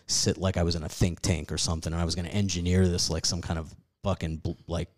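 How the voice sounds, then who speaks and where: A man's voice: low-pitched, level tone, fast. A comedian in his forties chatting on a podcast, rambling and self-deprecating, swearing freely. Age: 40s. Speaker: comedian guest. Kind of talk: casual podcast chat.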